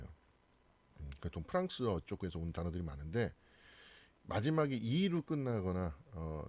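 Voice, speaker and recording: A man with a Korean accent teaches English pronunciation in a classroom lesson, patiently explaining and saying each word twice. His voice is low and a little mellow.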